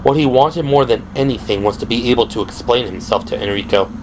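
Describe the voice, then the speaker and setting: In a mid-range voice, a man delivers a slightly fast reading of scripted horror narration for an audio drama. Behind him are ambient sound effects, and the background is clearly noisy.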